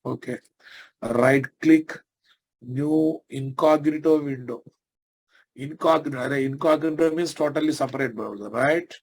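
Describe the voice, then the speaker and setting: A man with a Telugu Indian accent and a slightly higher-pitched voice teaches programming. He talks informally and conversationally, as an instructor in a live lesson. He often addresses his listeners directly and puts checking questions to them. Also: measured pace.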